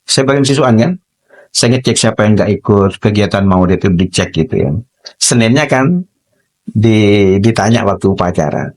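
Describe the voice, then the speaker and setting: A middle-aged man, a teacher, telling a personal story on a podcast in an animated way, acting out dialogue. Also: fairly low pitch, moderate pace.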